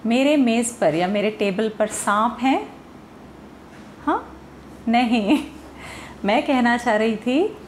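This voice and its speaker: Indian woman pronunciation teacher, measured and patient pace, poses questions to the listener. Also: mid-range voice, a little hiss or hum. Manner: slow, deliberate explaining, quizzing the viewer. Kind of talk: Hindi-language pronunciation lesson.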